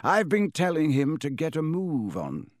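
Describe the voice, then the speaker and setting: A man reading a storybook aloud, voicing an old male wizard headmaster who speaks slowly and kindly. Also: a little high, wildly swooping pitch, dry recording, studio quality, pitched above the performer's own voice. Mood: gently amused.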